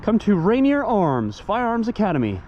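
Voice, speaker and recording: An American man chatting casually for a motovlog from inside a helmet on a moving motorcycle, with an excitable, crude joking manner. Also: high-pitched, normal speed. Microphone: helmet mic. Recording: muffled helmet audio, loud engine noise.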